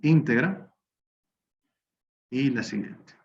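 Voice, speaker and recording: A man's voice: medium pitch, expressive, very slow. A man teaching a recorded spreadsheet class, talking through each step as he works on the screen. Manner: talks through steps while working on screen. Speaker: instructor. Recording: slightly dull lo-fi recording with faint noise.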